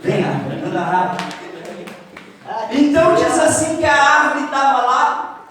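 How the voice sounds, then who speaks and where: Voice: high voice, sing-song, a little slow. A preacher at a church camp tells a Bible story while volunteers act it out. The preacher talks straight to the crowd and gives playful stage directions. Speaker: preacher leading a camp skit. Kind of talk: lively sermon storytelling with volunteers acting it out. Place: large echoing hall at a church camp. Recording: echoey hall from far off.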